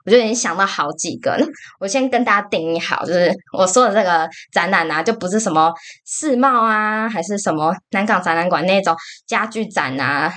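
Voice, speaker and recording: A young woman talks with a Taiwanese Mandarin accent in a casual podcast monologue. Her voice sits at an ordinary middle pitch. She rants with animated exasperation and leans on fillers as she tells her stories. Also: fairly quick. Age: young adult. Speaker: podcast co-host.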